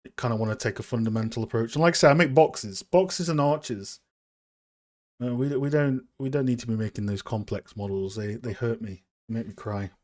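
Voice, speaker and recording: A man chatting loosely on a live stream, his voice sitting at a middle pitch. He rambles, fills gaps with ums and uhs, and makes fun of himself as he works. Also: brisk, darkish tone. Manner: rambling and self-deprecating, many fillers. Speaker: streamer and game art host. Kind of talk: casual live-stream chat while modeling.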